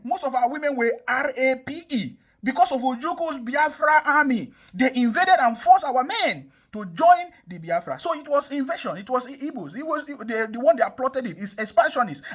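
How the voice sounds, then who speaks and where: This online commentator, a young Nigerian man from the South South, speaks at normal speed in a very high, animated voice. He gives emphatic, repetitive political commentary full of passion and frequent rhetorical questions.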